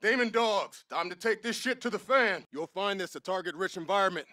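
In a military shooter game, a battle-hardened American Marine squad leader barks clipped, salty commands with total confidence. His voice is high for a man, brisk and sharp-toned, recorded close and dry, and he sounds fully in command.

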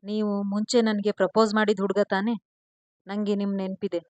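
A woman's voice: mid-range voice, flat delivery, normal speed, a little mellow, no echo, natural voice. Brief: tearful, apologetic young woman in a storybook reading, read by a woman. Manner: pleading, apologetic.

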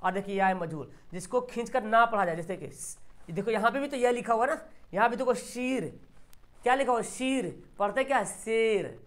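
A teacher running an exam-prep grammar lesson. The voice sits at an ordinary middle pitch. It moves in a steady question-and-answer rhythm, asking and then answering, with example words stretched out slowly. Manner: asks quiz questions and answers them, drawing out example words.

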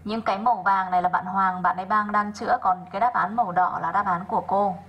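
A woman English teacher, going through worksheet answers in an online class, slowing down to sound out each example word and calling on students by name. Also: mid-range voice, fairly even intonation, husky, lo-fi sound. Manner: methodical, slows down to sound out example words.

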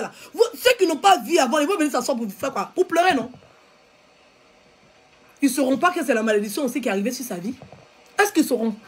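A woman commentator on social media, speaking with an Ivorian French accent, goes on an angry live video rant, repeatedly and heatedly scolding her viewers. Her voice is high and husky.

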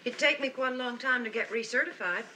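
An actress playing a spirited, sporty woman golfer who talks in a brisk, plain-spoken way. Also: on the high side, sharp tone, a little hiss or hum. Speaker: wife and golfer.

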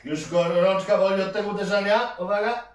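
A man, a father and channel host, giving energetic, cheering toy-game commentary for kids and counting down each try. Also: sits high, brisk. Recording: roomy, distant mic, faint noise.

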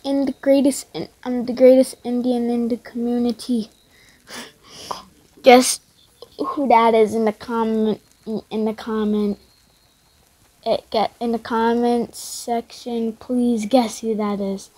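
A woman's voice: fairly high pitch, takes it slowly, dry recording. A woman giving casual, rambling commentary over her gameplay, her voice stuffy and congested from a cold. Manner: chatty, excitable, rambling slang. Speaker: gaming video creator.

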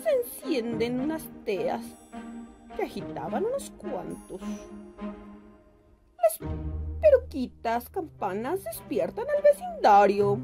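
A woman voicing a cheerful little puppet boy who recites a poem in a children's puppet show with a sing-song, dramatic delivery full of drawn-out exclamations. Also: high-pitched, full character voice. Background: loud music.

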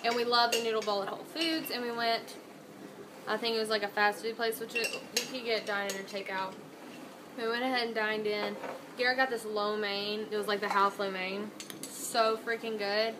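Filmed on a phone at arm's length, this young woman in her twenties chats through her day in her home kitchen as a casual daily vlog. She's a chatty, rambling, bubbly vlogger whose mid-range voice stays level at a moderate pace. The background is noisy.

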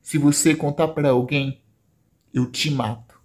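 A woman's voice: sits low, a little slow, warm tone. Woman doing a cold scheming young man. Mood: menacing. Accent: Brazilian.

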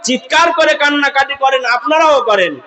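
A male preacher delivers an impassioned sermon in an extremely high-pitched voice with lively intonation at a moderate pace. He poses call-and-response questions to the crowd, slips into sung chanting of Arabic verses, and builds to shouted climaxes.

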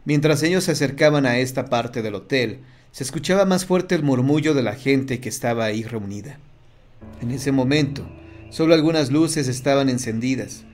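A man reading a horror audiobook in a steady, measured storytelling voice. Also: medium pitch, soft background music. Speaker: narrator. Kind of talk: scripted audiobook narration.

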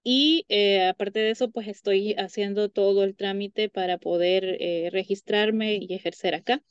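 Recorded dry on a video call webcam, with the highs cut off, this woman from Honduras talks in a mid-range, steady, smooth voice without hurrying. She's a psychologist in her thirties chatting as an interview guest from a home room by a window, laughing often amid many fillers and restarts.

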